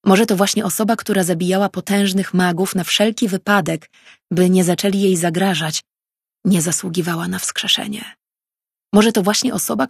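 A woman narrating a fantasy audiobook in a measured, even reading. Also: on the low side, slightly rough, no echo, studio quality.

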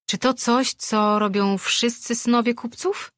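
A woman's voice: on the high side, fairly even intonation, measured pace, a bit bright, no echo, studio quality, pitched above the performer's own voice. A woman reading an audiobook, voicing a young princess who is eager and easily flustered. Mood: curious.

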